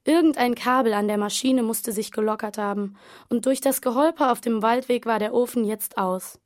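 A woman narrating a suspense story as an audiobook, in a tense and measured storytelling manner. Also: fairly high pitch, no room sound, studio quality.

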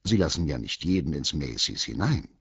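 A man's voice: a bass voice, sing-song, brisk, breathy edge, no echo, lo-fi sound, heavily acted. A man doing a posh, haughty squirrel. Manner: stern, grand, a bit condescending. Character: posh fussy male squirrel in a vest.

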